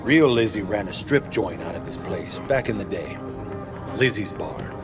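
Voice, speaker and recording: A worldly, matter-of-fact bartender in a video game. His voice is fairly low and his storytelling laconic and wry, over clear music. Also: animated, normal speed. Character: worldly, matter-of-fact male bartender recalling rough days.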